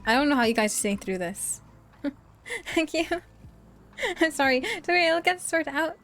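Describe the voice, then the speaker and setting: A woman's voice: high voice, animated, normal speed, a bit bright, faint music behind. A woman streaming a game roleplay as a police officer, easygoing and agreeable, talking to her chat.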